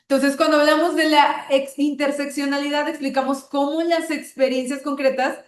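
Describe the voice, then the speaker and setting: A woman from Tabasco speaks with a Mexican accent, leading an online workshop in a patient, explanatory way. She keeps checking in with her listeners as she goes. Her voice sits a little high, and the room around her rings with echo. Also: little pitch movement, normal speed. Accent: Mexican Spanish. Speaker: workshop facilitator.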